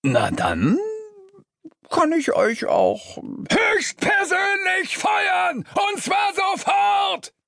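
A man voicing a hot-tempered devil father who runs hell, gruff, impatient and prone to shouting. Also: fairly high pitch, huge pitch swings, takes it slowly, dry recording, clean studio sound, voice pushed up, exaggerated voice. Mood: mocking.

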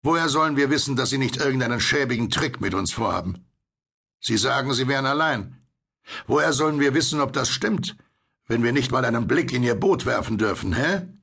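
A man playing a blunt, gravelly sailor calling out. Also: lowish voice, expressive, normal speed, full character voice. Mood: challenging. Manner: calling out loudly, blunt and challenging. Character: bluff, practical sailor man, hailing the dark.

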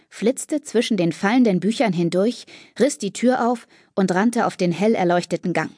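A woman narrating a first-person fantasy audiobook with steady, even-paced storytelling on a close studio mic. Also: medium pitch, no echo.

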